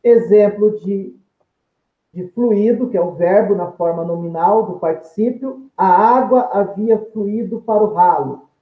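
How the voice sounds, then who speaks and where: Teacher on a tinny line. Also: mid-range voice. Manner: deliberate, explanatory, stresses example words. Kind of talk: grammar lesson. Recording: tinny phone-like line in an echoey room.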